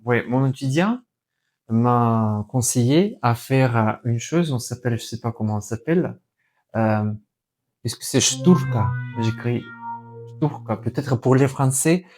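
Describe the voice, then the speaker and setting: A young Russian man speaks accented, non-native French in a casual vlog style. His voice is soft-edged and mellow, at a middling pitch. He goes slowly and haltingly, hunting for words and correcting himself as he goes. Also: lively intonation, soft background music. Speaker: vlogger and language learner. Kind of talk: casual unscripted vlog talk.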